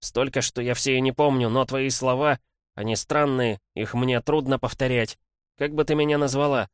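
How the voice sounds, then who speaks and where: A man voicing a demon who speaks as a small, lonely boy in a storybook reading, high and pleading. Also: fairly even intonation, moderate pace, clear, resonant tone, dry recording, studio quality, lightly acted. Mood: earnest.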